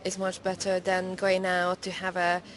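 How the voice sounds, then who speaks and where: A woman's voice: fairly low pitch, completely flat delivery, moderate pace. A woman from Hungary, giving frank opinions in a street interview.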